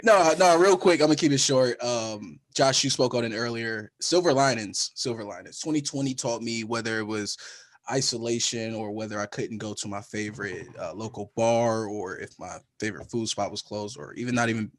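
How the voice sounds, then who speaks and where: A man in a casual podcast chat, mid-pitched and telling animated stories, laughing often. His voice sits close and dry on the mic, with no room around it. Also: normal speed, no echo. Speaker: podcast co-host.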